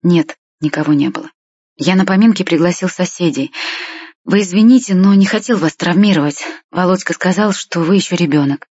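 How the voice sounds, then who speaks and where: A woman's voice: lowish voice, brisk, darkish tone, husky, no echo. A woman voicing a polite, apologetic middle-aged man who explains things plainly. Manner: apologetic, matter-of-fact. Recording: dull, dry lo-fi recording.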